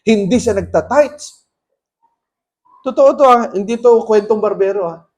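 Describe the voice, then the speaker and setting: Man, pastor, sermon, animated storytelling, fairly high voice. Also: unhurried. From Philippines. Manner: animated storytelling, mixing English phrases in.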